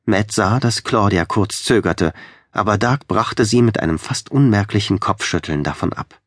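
A man narrating an audiobook in a calm, measured reading. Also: on the low side, no room sound, clean studio sound. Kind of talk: scripted narration.

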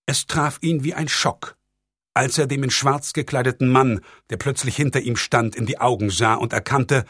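A man narrating a German audiobook with expressive storytelling. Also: mid-range voice, normal speed, husky, no echo. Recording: dry close recording.

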